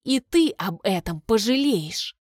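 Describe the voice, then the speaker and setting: A young woman reading an audiobook, voicing a defiant heroine who clips her words in a crisp, mocking way. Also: medium pitch, expressive, a little slow, no echo, clean studio sound. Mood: indignant.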